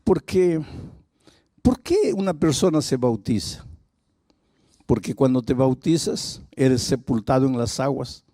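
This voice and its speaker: A man's voice: medium pitch, expressive, unhurried, pauses often, dark tone, no room sound, studio quality. A male pastor preaching a sermon, telling a story dramatically and vividly.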